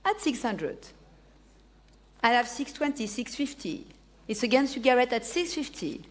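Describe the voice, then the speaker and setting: A woman's voice: on the high side, big pitch swings, normal speed. A woman auctioneer with a French accent, a native French speaker, calling bids live, repeating figures and prompting bidders by name.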